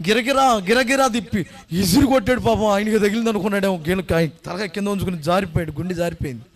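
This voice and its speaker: A male pastor preaching a fervent sermon, rising to loud exclamations, repeating phrases and calling for amens and applause. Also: sits high, quick pace.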